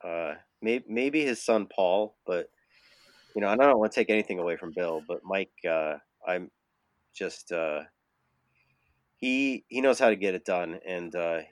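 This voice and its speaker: A man's voice: deep voice, measured pace, no room sound. A man telling a long, rambling story in casual chat, with many fillers and frequent laughs. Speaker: rigger telling stories.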